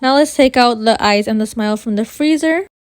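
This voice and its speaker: A woman's voice: on the high side, a little fast, dry recording, clean studio sound. A woman narrating a how-to baking tutorial in an informal way, with a slight lisp and whistling s. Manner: addresses viewers informally as you guys. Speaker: baking video host.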